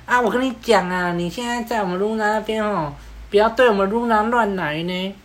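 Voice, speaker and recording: A man voicing a pushy, fake-friendly young wannabe thug, with a slow drawl and a Taiwanese Mandarin accent. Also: sits high, a bit bright, voice pushed up. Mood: swaggering.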